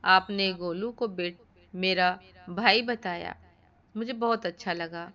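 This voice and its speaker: A woman voicing a kind young girl selling watermelons, speaking gently and affectionately in a storybook reading. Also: mid-range voice, steady tone, slow. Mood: gentle. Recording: dull lo-fi recording.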